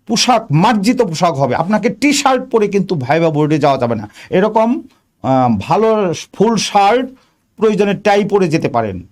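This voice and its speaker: Male exam coach, fairly high and very animated, drills points with repetition, direct teaching manner. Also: normal speed. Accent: Bangladeshi Bengali. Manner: repetitive, emphatic, addresses the listener directly. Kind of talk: spoken lesson on viva preparation.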